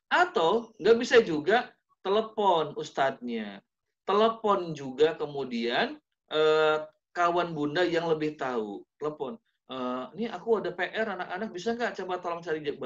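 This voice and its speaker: A man, an Islamic preacher, giving a lively parenting talk over a video call and sometimes acting out parents and children. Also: fairly high pitch. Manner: animated, acts out parent-child dialogues in changing voices. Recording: dull lo-fi video call audio.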